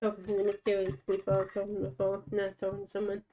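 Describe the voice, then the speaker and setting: Talking fast in a medium-pitched monotone, this woman gives casual, rambling commentary while gaming, addressing herself and her in-game dogs. Her voice is naturally scratchy, and the audio sounds dull.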